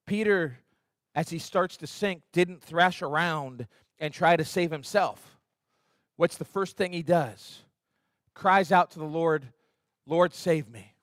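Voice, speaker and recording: A man with a fairly high voice preaches an earnest, conversational sermon. He acts out the quotes with energy. The sound is close and dry, with almost no room echo. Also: a little slow, a bit bright. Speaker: pastor. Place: church sanctuary.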